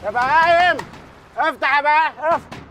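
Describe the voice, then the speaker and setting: A man's voice: extremely high pitch, animated, rapid-fire, a bit bright, a little hiss or hum. An actor with an Egyptian accent playing a brash, hapless young man who pleads, wheedles and curses in a comedy series. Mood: frantic. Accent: Egyptian Arabic. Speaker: comic lead in a TV series.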